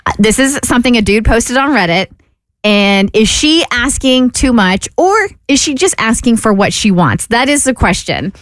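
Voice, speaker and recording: A woman's voice: a little high, expressive, normal speed, no echo. A woman co-hosting a radio talk show, chatting casually and telling stories with easy laughs into a studio mic. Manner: chatty, storytelling, laughs easily. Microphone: studio microphone.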